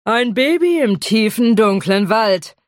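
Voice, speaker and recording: A woman voicing a drunk, boastful male dragon who is loud, drawn out and taunting in an audiobook. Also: on the high side, expressive, slow pace, no echo, studio quality, pitched above the performer's own voice. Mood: knowing, ominous.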